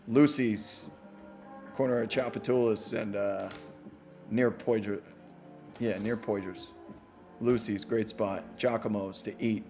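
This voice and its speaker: A man with a New York accent hosts a casual livestream, trading quick, joking banter with viewers and swearing as he answers them. His voice is fairly low with a slightly dark tone.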